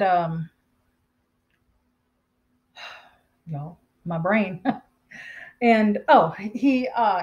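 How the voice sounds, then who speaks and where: A woman's voice: mid-range voice, darkish tone. A woman, telling a personal story to camera in a rambling, candid way with fillers and repeats.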